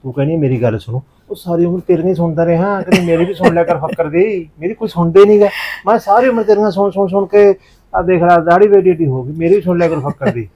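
A man's voice: sits high, fast. A middle-aged man, playing a stern village father who lectures his wife. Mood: lecturing. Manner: lecturing, complaining husband. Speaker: father of a college girl. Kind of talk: village family drama acting. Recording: slightly dull lo-fi recording.

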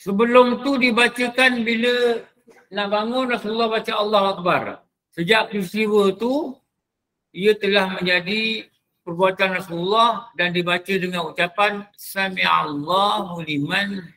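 A man with a Malaysian Malay accent teaches in a mosque, his voice pitched high and sharply bright. He stretches out recited phrases slowly and keeps quizzing his listeners. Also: low-quality recording. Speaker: religious teacher. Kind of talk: mosque lecture.

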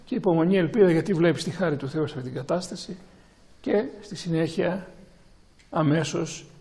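Greek priest's high, gravelly sermon voice. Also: male voice, mellow. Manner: slow, halting delivery with many restarts and repeats. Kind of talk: sermon with a question time.

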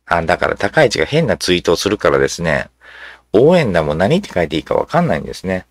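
A man giving casual commentary as he reads social media replies aloud, musing and halting, with many fillers and asides. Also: deep voice, big pitch swings, no echo, studio quality.

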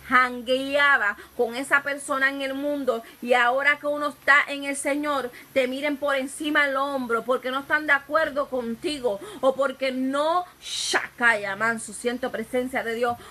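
A woman's voice: high voice, pushed and bright, poor audio. A woman evangelist, preaching a fervent testimony sermon full of hallelujahs.

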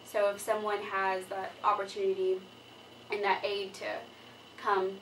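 A young woman from San Benito, Texas, a student giving sincere, soft-spoken interview answers indoors. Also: mid-range voice, a little slow. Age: young adult. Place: indoor room by a window. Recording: distant mic with steady hum.

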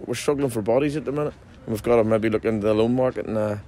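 A football manager in his forties races through a chatty post-match interview outdoors at a ground at night, speaking in a dark, medium-pitched voice. He restarts sentences often and leans on fillers, with a little hiss or hum in the audio.

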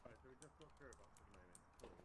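A man playing a ghost-hunting game with a friend over voice chat, talking in a hesitant, low-key way. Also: lively intonation, rapid-fire, background noise. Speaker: co-player on voice chat. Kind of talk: casual gaming chat.

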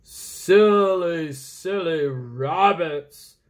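A woman voicing a big round owl in a children's storybook reading, hooting and scolding in drawn-out words. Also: on the low side.

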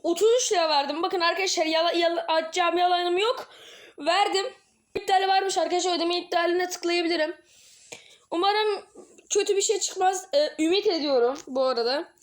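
Jumpy high-voiced young woman gamer. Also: fairly quick. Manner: jumpy and excitable, swearing, drops to low mutters between outbursts. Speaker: gaming channel host. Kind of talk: horror game let's-play commentary.

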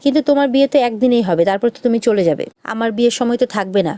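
A woman's voice: on the high side, animated, racing, dark tone, no echo, close to an everyday voice. A woman reading an angry young man. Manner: reproachful, accusing.

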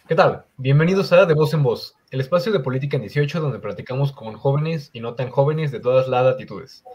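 A man's voice: medium pitch, fairly quick, a little mellow, husky, dull audio, faint music behind. A man with a Mexican accent hosting a political interview, polite and formal, sometimes stumbling over words. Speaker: interview host. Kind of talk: conducting an interview.

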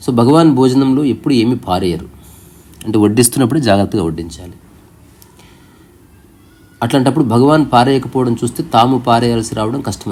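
Male storyteller, mid-pitched warm voice, reflective spiritual narration. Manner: calm reflective narration mixing in English words. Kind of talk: reading a story aloud with acted dialogue.

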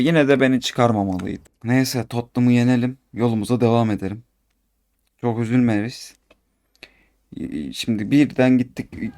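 A man commentates his football video game as he plays. He talks to himself, gets excited fast and scolds the players on screen. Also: mid-range voice. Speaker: gaming YouTuber.

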